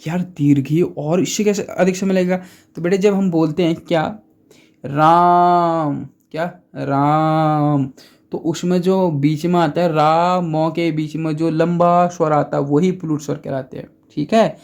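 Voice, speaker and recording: A man's voice: a little high, steady tone, moderate pace, darkish tone. A man teaching Hindi grammar in a casual exam-prep lesson, chatty, asking and answering his own questions and repeating key points.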